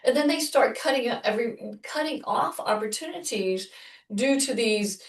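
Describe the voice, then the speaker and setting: A woman's voice: fairly high pitch, moderate pace, recorded from a distance. A woman co-hosting a relationship podcast, speaking animatedly and acting out what others say in casual conversation. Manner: animated, quotes people in voices. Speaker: relationship therapist and co-host. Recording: echoey room, somewhat off-mic.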